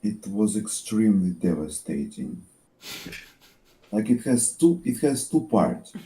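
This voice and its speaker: A man talking casually as a tabletop game player, halting and exasperated. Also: lowish voice, very animated, warm tone.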